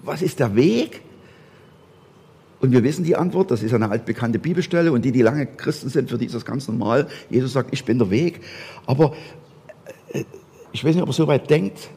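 A man's voice: medium pitch, lively intonation, a little fast, gravelly, mellow, slightly rough. A man preaching a sermon, emphatic and fond of repeating rhetorical questions. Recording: long hall reverb.

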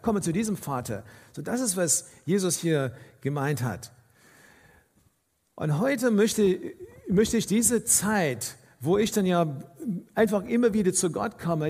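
High-pitched guy preaching, stops and restarts a lot, long echo from a big church hall. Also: a little mellow, breathy edge. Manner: halting, repeats words, non-native German grammar. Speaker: pastor. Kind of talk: sermon.

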